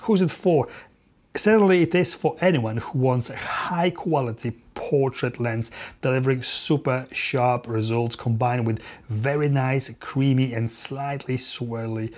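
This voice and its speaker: A man's voice: medium pitch, a little slow, a little mellow. A man presenting a camera lens review to camera, upbeat, with informal asides and a few fillers.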